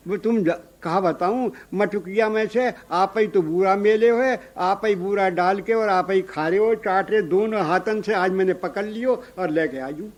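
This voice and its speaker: A man voicing a bold, talkative young village bride in a devotional story. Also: high voice.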